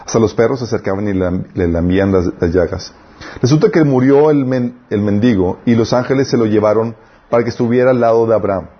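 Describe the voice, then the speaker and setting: A man's voice: on the low side, brisk, husky, lo-fi sound. A man teaching an informal Bible class in a conversational way, often checking with the class for agreement. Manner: conversational, asks the class for confirmation.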